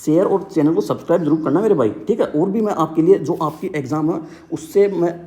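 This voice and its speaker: A man's voice: fairly high pitch, a little fast, warm tone. A young man teaching exam book lists in a casual, repetitive way, with memory tricks and frequent check-ins. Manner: repetitive, keeps saying "ठीक है".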